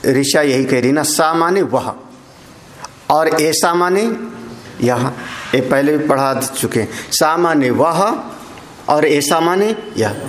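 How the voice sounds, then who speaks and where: Swami, middle-aged man, North Indian Hindi accent, unhurried scripture discourse, slightly high voice, reverberant room. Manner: conversational teaching, chants Sanskrit verses in a slow singsong. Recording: echoey room.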